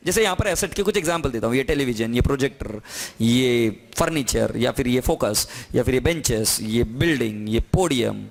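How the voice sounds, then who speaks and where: A man teaching an accounting class, lecturing in a classroom and constantly asking his students questions. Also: high voice. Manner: lively, coaxing questions to students.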